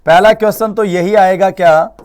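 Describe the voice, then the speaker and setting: High-voiced male Hindi teacher. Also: moderate pace, clean tone. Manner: lively, repeats key points as questions to students; mixes English words into Hindi teaching. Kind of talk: live online exam-prep class. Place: online classroom studio.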